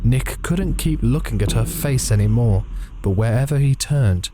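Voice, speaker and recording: A man's voice: medium pitch, animated, moderate pace, mellow, a little hiss or hum. Man reading game text with wry asides. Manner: reads narration then reacts with swearing and jokes. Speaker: gaming video host.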